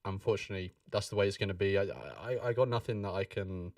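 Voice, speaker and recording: A man's voice: low voice, lively intonation, fast talker, creaky. A man hosting a casual live stream, his voice coming through with a robotic, metallic glitch as he drifts on and off the mic while rocking.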